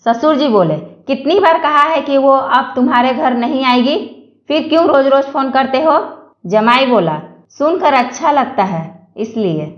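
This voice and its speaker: A woman's voice: high-pitched, animated, moderate pace, roomy sound, lo-fi sound. A woman reading out a string of short jokes, acting out the quoted lines as she tells them. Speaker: joke teller.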